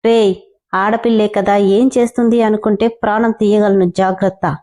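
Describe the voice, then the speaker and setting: A woman's voice: mid-range voice, steady tone, normal speed, a little mellow, lightly acted. A woman narrator voicing an arrogant young male boss who talks in a sarcastic, taunting way.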